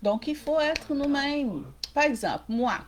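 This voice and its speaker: A woman with a mixed Québécois and Brazilian accent coaches small-business owners in a casual live-stream workshop, her voice sitting high with lively intonation and an unhurried pace. She is direct, addresses viewers, and often checks in with "ok?".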